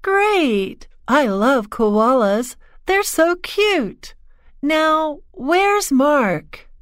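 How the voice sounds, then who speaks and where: A woman voicing a friendly new female schoolteacher in a textbook listening dialogue, speaking clearly and encouragingly. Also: high-pitched, sing-song, very slow, dry recording, studio quality, full character voice. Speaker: teacher in a listening exercise. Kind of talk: slow scripted textbook dialogue.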